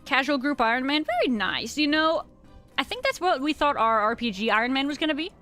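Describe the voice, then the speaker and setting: A woman's voice: high voice, very animated, fairly quick, fairly bright tone, soft background music. A woman game streamer chatting casually with her viewers in a rambling, slangy, informal stream of talk. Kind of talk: casual live-stream chat with viewers while gaming.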